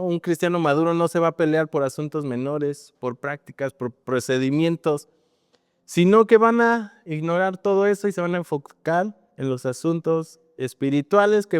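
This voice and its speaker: Man, Mexican accent, pastor, conversational sermon, frequent tag questions, high voice, long reverb tail. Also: clean tone, clean studio sound.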